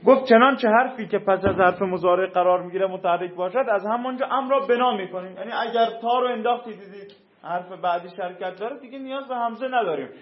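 A high-voiced man leads a classroom grammar lesson. He reads out the rules and then unpacks them in everyday speech, often asking questions and answering them himself. The sound is echoey and muffled. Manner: reads a rule, then explains it in casual speech. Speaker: teacher. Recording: echoey room, dull lo-fi sound.

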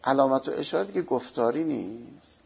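A man's voice: medium pitch, lively intonation, gravelly, husky. A man teaching a seminary lecture, explaining step by step and posing questions he answers himself. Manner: explains slowly, asks and answers his own questions. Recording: dull lo-fi recording.

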